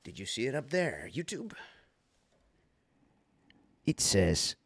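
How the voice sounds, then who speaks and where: A voice actor hosting a casual livestream, unboxing fan mail and exclaiming excitedly in a rambling way. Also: male voice, medium pitch, slow, creaky, slightly rough, no room sound.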